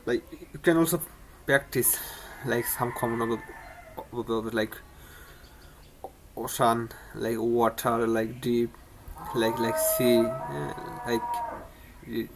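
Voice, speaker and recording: A man teaches beginner English on his own channel in a casual spoken lesson. His delivery stays flat, with little rise or fall, and he often stumbles and repeats words. A faint noise sits under the recording. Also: medium pitch, slow, creaky, pauses often. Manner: repetitive, many restarts and stumbles.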